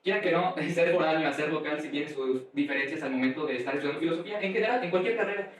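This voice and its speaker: A man's voice: a little high, very fast. Young man, distant echoey mic. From Uruapan, Mexico. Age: young adult. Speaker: guest student. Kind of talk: casual conversation.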